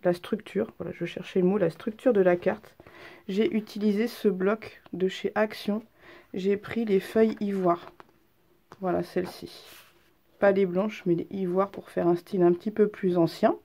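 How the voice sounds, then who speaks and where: Mid-range and warm with some vocal fry, this woman's voice holds a steady tone at a moderate pace. She's a craft vlogger suffering a head cold, sounding stuffy as she casually shows her handmade cards, chatty and hesitant with plenty of ums.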